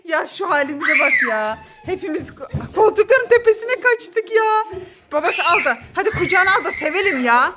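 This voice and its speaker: A young mother filming a casual family vlog at home, excitable, laughing and squealing in fright. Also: extremely high pitch, moderate pace, raised voice, noisy background. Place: indoors at home.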